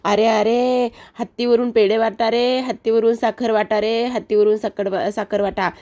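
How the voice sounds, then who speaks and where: A woman's voice: on the high side, little pitch movement, normal speed, warm tone, natural voice. Brief: overjoyed young husband, read by a woman; exclaiming, festive. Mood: jubilant. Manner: exuberant, exclaiming. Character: jubilant young husband celebrating.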